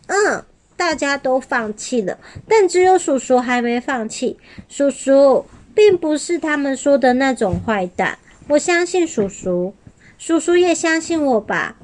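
A woman voicing a small, gentle young dinosaur in a storybook, pleading and stammering. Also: high voice, lively intonation, measured pace, pitched above the performer's own voice. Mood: tender.

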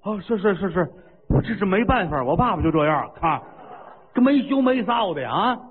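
A man voicing a fierce, hot-tempered enemy king who shouts in fury. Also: high voice, very animated, moderate pace, long reverb tail, narrow, tinny audio. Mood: furious.

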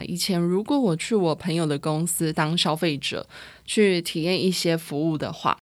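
A Taiwanese woman chats alone as a podcast host, thinking things through as she explains. Her voice sits on the low side and comes through a face mask, so it is slightly muffled with audible, slightly winded breathing. The sound is very dry and close to the microphone. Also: dry recording. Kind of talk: casual solo podcast monologue.

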